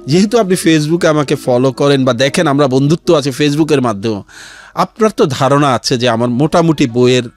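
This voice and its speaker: A middle-aged man with a Bangladeshi accent, a guest in a radio studio, narrates his life story and gives earnest counsel over background music. His voice is mid-range and his speed normal.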